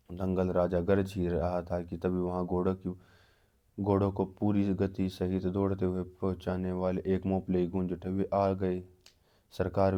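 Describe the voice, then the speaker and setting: A man reading a novel aloud, halting and restarting words often. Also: deep voice, warm tone. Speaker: narrator.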